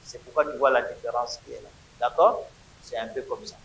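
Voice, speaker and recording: A man's voice: medium pitch, fairly even intonation, brisk, vocal fry, fairly bright tone, reverberant, a little hiss or hum, rough recording. A man teaching a Hebrew grammar lesson to a class, emphatic and repeating words to drill them.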